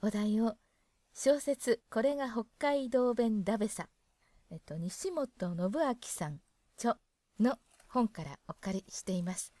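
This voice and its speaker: Lively, chatty woman teaching a lesson. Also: fairly high pitch, unhurried, no echo. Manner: chatty, musing aloud, acts out example lines. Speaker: dialect lesson presenter. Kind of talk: casual spoken lesson.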